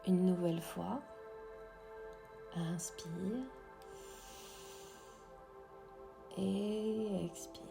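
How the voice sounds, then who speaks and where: A woman guiding a breathing meditation in a soft, half-whispered, breathy voice, calm and slow with long pauses. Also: fairly low pitch, music in the background. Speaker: guided meditation host.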